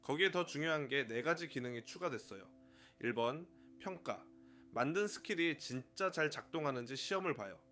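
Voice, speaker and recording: A man narrating a scripted tutorial for his own channel in a brisk, upbeat, explanatory way, counting off numbered points. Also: a little high, lively intonation, bright, forceful tone, faint music behind. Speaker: YouTuber running a one-person media channel.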